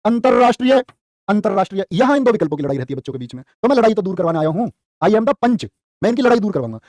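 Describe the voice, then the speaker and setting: A man teaching spelling in a lively live class, asking questions and quoting couplets. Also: sits high, very fast, no room sound. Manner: calls students "प्यारे बच्चे". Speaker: Hindi teacher for exam prep. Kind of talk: live online exam-prep class.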